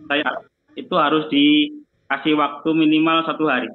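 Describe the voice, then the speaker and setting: A man, a religious teacher, answering questions in an online meeting, speaking haltingly over a crackly line that keeps cutting out. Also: on the high side, little pitch movement. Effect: crackly phone-like line that keeps cutting out. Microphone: video call. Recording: tinny, breaking-up phone-like call audio.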